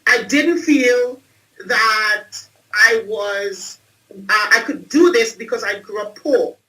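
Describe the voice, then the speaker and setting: This time the Trinidad and Tobago entrepreneur and speaker talks slowly, her slightly high voice pushed and bright, as she emphatically relates her life story on a video call and repeats phrases for emphasis. The mic is distant and the recording rough.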